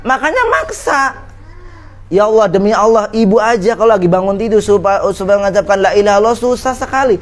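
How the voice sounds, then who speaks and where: A man's voice: sits high, expressive, fast. A man preaching an Islamic study lecture to women, in a conversational way, often putting questions to his listeners. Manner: conversational, asks the audience questions.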